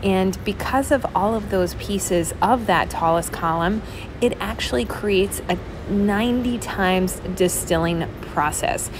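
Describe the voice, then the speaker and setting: A woman's voice: mid-range voice, measured pace, background noise. A woman narrating a vlog voice-over, describing a tour in a friendly way. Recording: voice-over with music behind.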